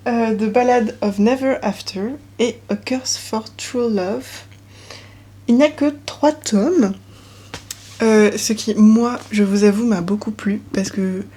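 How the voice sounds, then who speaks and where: A young woman records a casual video at home with her bookshelves behind her. Her voice is breathy and husky, sitting at an ordinary middle pitch. She talks in a chatty way and lets asides trail off softly. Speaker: book vlogger. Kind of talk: casual chat presenting books.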